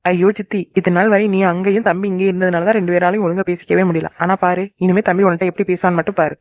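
A woman voicing a caring young married woman in a cartoon, a soft-hearted elder sister who cries easily. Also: fairly low pitch, fairly even intonation, very fast, no room sound, close to an everyday voice. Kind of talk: cartoon voice acting. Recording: dry, dull lo-fi recording.

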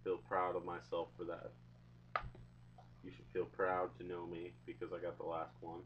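A man's voice: low voice, completely flat delivery, normal speed. A young man chatting casually and slangily to camera in a rambling, laid-back way, recorded on a webcam mic in a small room at home. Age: young adult. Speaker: video blogger reviewing products. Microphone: webcam or laptop mic at arm's length. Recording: dull webcam sound with hum.

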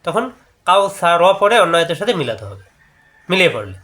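Man, high-pitched, Bangladeshi Bengali accent, tajweed teacher, step-by-step explanation, slow chanted verses. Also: sing-song, pushed and bright. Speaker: Quran recitation teacher. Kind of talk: tajweed lesson with chanted recitation.

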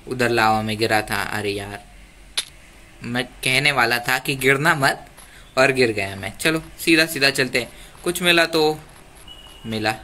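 A man's voice: medium pitch, pushed and bright. A man giving casual, joking commentary while playing a game, talking to his viewers. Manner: chatty, joking, pleads with viewers. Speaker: gaming YouTuber. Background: faint ambient noise, passing traffic.

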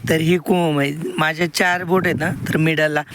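Chatty farmer outdoors with loud background noise. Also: male voice, a little high, fairly even intonation, moderate pace. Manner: chatty, calls out to animals. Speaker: farmer vlogger. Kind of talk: casual farm vlog narration. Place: outdoors on a farm field. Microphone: phone held while filming.

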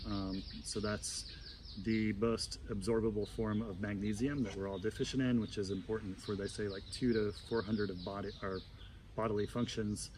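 A man in his forties with a fairly low voice talks casually to a camera while immersed in ice-cold water. He explains like a coach. The recording is outdoors, with light background noise and birdsong. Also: fairly even intonation, moderate pace. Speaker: breathwork and ice bath coach. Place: outdoor garden, in an ice tub. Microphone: camera a couple of metres away.

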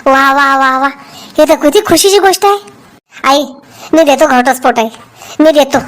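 A woman voicing an excitable adult son in a family cartoon comedy, with an eager, exclamatory delivery. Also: high voice, moderate pace, faint music behind, close to an everyday voice. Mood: gleeful.

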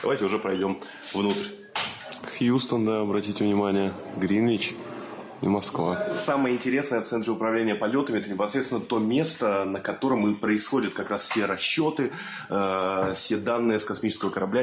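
A man's voice: fairly low pitch, brisk. A man in his twenties reporting informally on location, guiding viewers along as a TV news correspondent. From Yaroslavl, Russia. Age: 20s. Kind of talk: on-location video report to camera. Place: inside a control centre hall and corridors. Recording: noisy room ambience.

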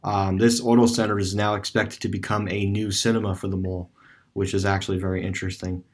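A video creator touring a closed store on street view gives rambling, casual voice-over commentary for a screen-recorded map tour. His voice is low with little pitch movement, he talks a little fast, and he uses many fillers and restarts.

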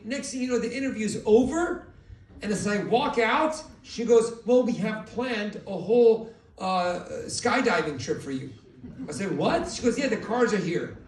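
A male stand-up comedian doing loud, animated crowd work, acting out voices. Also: high voice. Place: large theater with live audience. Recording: roomy hall audio from far off, crowd laughter.

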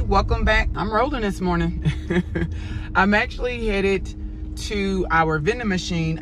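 A woman's voice: fairly low pitch, background noise. A woman in her thirties, a fitness vlogger, chatting to camera in an upbeat, motivational way from a phone at arm's length. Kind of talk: casual vlog talk to camera. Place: gym and parked car.

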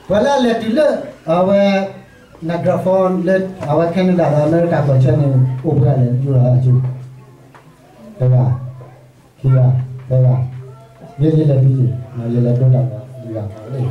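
A man preaches to his congregation in a loose, conversational way. His voice sits a bit high for a man yet sounds dark and soft-edged. The recording is echoey, as if captured in a church sanctuary from well back. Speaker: pastor. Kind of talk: sermon. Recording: echoey church hall, mic far off.

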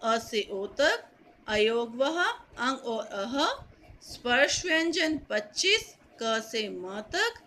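A woman teaching a Hindi grammar lesson, slow and careful, repeating key points. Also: fairly high pitch, big pitch swings, sharp tone, slight background noise. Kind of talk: classroom lesson.

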